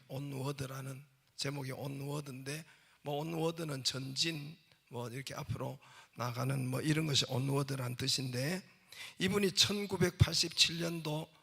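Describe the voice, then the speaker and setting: A pastor delivers a jokey, story-filled sermon in a church sanctuary, posing questions to the congregation. He speaks in a fairly high, gravelly voice that sounds pushed, bright, and slightly rough.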